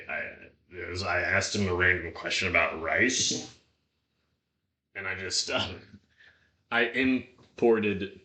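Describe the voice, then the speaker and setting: A man with a slightly low, bright voice talks casually to himself and his viewers. He rambles as he thinks aloud and swears freely. The room around him is clearly echoey. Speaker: streamer cooking on a livestream.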